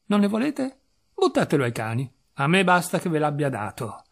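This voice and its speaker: A man acts out a hot-tempered, penny-pinching landowner who exclaims and scolds in a flurry. The voice leaps high and stays husky, always agitated. Told as a spoken storybook. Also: wildly swooping pitch, moderate pace, full character voice. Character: irascible middle-aged male landowner, fussy and stingy.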